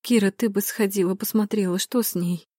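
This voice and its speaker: A woman's voice: mid-range voice, steady tone, a little fast, dark tone, breathy edge, no room sound, studio quality, close to an everyday voice. A woman voicing a bossy, motherly older housekeeper who talks in a raised, scolding but cheerful tone. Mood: fretful.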